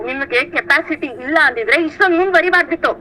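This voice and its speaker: A firm young wife. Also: female voice, sits high, quick pace, bright, forceful tone, slight background noise. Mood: defiant. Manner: argumentative, firm. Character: young wife standing up to her angry husband. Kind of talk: TV serial acting.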